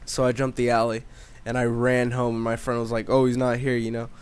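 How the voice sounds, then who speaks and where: Young male vlogger, smooth voice, casual profane storyteller. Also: medium pitch, completely flat delivery, a little fast. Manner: rambling, profane, filler-heavy delivery.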